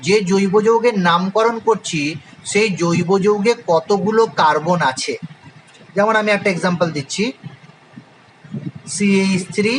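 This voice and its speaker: A high-pitched man with a Bengali accent teaches a classroom chemistry lesson. He spells out terms letter by letter and poses questions before answering them. Faint noise sits under his voice. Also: poor audio. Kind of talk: classroom lecture.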